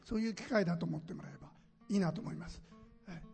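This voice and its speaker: A male guest in a talk show, speaking in a measured, unhurried way. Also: on the high side, gravelly, darkish tone, soft background music. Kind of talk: casual chat. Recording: echoey hall.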